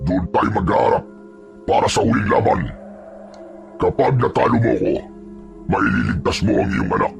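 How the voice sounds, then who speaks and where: Man voicing a gravelly vengeful aswang villain. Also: on the low side, moderate pace, long pauses, close to an everyday voice. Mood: menacing. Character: menacing male aswang hunter villain, vengeful father. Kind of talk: horror story narration. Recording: music playing behind.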